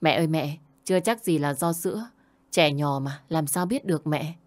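A woman voicing a gently pleading young husband. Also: deep voice, normal speed, close to an everyday voice.

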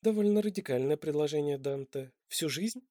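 A man's voice: a little high, lively intonation, a little fast, mellow, no room sound, clean studio sound, natural voice. A man voicing a spirited, stubborn young woman who answers with indignant, ironic retorts in an audiobook. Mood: startled.

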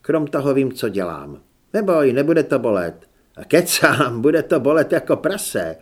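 A hard-edged young woman with a blunt, scolding tongue, as a male reader puts her on. The pitch rises and falls in lively swings, and she cuts her words short and curt. It is a storybook voice, lifted a little above the reader's own. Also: breathy edge.

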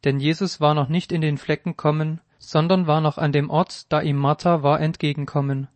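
A man narrating a scripted Bible reading with a solemn, measured delivery. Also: on the high side, flat delivery, no room sound.

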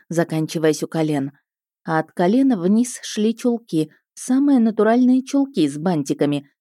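Low-voiced woman narrating an audiobook. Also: warm tone, no echo, clean studio sound. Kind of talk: first-person fantasy audiobook narration.

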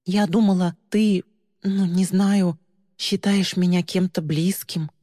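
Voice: medium pitch, steady tone, slow, warm tone, voice pushed up, close to an everyday voice. A sober, guarded teenage girl talks in a firm, slightly grumbling way, as a reader performs her. The voice sits close and dry on a long reverb tail. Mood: earnest.

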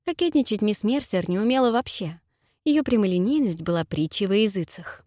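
A woman reads a story aloud in the first person, with an expressive delivery. Her pitch moves a lot, and the sound is dry and close to the mic. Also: a little fast, no echo. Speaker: audiobook reader. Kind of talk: first-person audiobook narration.

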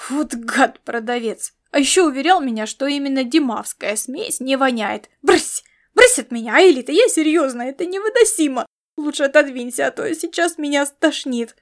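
A wry young earthling man who grumbles and teases his companion, read by a woman narrator. The voice stays plain and close to the reader's own, with a high pitch. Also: moderate pace, few pauses. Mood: disgusted. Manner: teasing, grumbling. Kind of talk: audiobook character voice.

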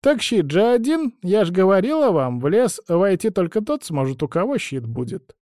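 A man's voice: high voice, big pitch swings, normal speed, a little mellow, dry recording, studio quality, pitched above the performer's own voice. A man voicing a grumbling, cunning old witch woman who talks evasively. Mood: cagey. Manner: cranky, evasive, sing-song.

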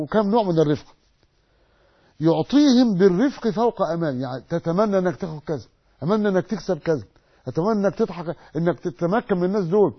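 A male preacher with an Egyptian accent gives an emphatic lesson, throwing out questions and answering them himself. His voice sits high and sounds husky. He talks fast, on a dull, lo-fi recording. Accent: Egyptian Arabic. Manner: repeats hadith slowly for emphasis. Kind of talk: sermon lesson.

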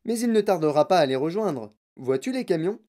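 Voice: medium pitch, expressive, brisk, dark tone, close to an everyday voice. An audiobook reader voicing a cheerful, eccentric man who runs a chocolate factory.

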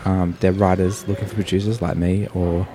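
A man's voice: sits low, level tone, normal speed, background noise. A man hosting a podcast interview, chatting casually and rambling with lots of fillers. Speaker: podcast host.

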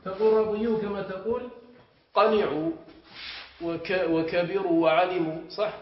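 Give me a man with a slightly high voice teaching a grammar class, explaining and checking whether the students follow, in a very echoey room. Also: fairly even intonation, moderate pace. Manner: explanatory, checks understanding with repeated questions. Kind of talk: classroom lesson on verb morphology. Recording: echoey, dull lo-fi classroom recording with faint hiss.

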